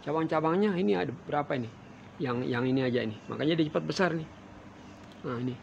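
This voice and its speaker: Man with a gravelly voice showing trees outside, faint noise around, calls viewers fellow farmers. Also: a little high, fast, muffled recording. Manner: addresses viewers as fellow farmers, explains while pointing. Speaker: durian farmer. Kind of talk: farming tutorial. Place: outdoors at a durian orchard.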